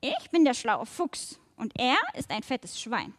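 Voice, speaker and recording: A woman voicing a sly, calm male fox in a dry, matter-of-fact manner, read aloud in a large hall. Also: a little high, measured pace. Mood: deadpan.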